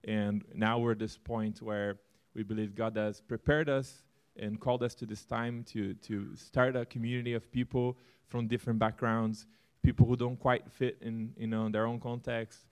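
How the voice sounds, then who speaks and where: Speaking with a Brazilian Portuguese accent, a Brazilian man lays out his vision for a church plant to a congregation, earnest and animated, with touches of self-deprecating humor. His pitch is medium, his pace moderate, and the sound is clean.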